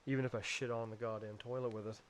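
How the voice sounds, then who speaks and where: A man's voice: mid-range voice, little pitch movement, fast talker, a little hiss or hum. A man co-hosting a casual podcast, telling a rambling story full of swearing and acted-out quotes. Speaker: podcast co-host. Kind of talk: casual chat.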